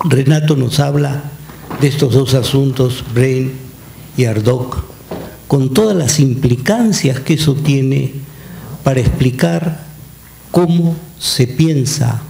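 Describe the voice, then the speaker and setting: A man on a conference panel speaks slowly and deliberately in a formal tone. His voice is gravelly and mellow, with a roomy echo and a faint hum of the room behind him. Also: medium pitch. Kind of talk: academic panel remarks.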